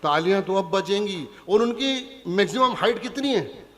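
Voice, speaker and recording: High-voiced Punjabi man joking onstage. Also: animated, moderate pace. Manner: joking, teasing the audience directly. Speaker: comic poet. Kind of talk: stand-up comic poetry on stage. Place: large hall with a live audience. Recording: live stage hall recording with crowd.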